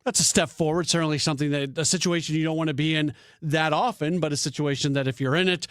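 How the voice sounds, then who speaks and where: A man's voice: a little high, steady tone, fast talker, clean tone, no room sound, studio quality. A man hosting sports radio talk, thinking aloud with frequent restarts and fillers.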